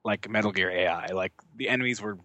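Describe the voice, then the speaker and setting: A man co-hosting a casual gaming podcast, laughing often and tossing in quick asides. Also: lowish voice, sharp tone, no room sound. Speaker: podcast co-host.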